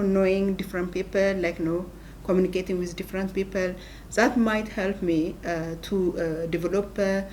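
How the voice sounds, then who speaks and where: A middle-aged woman with an Ethiopian accent, a plant scientist and professor, giving an earnest talking-head interview in short halting phrases. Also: medium pitch, a little mellow, slight background noise.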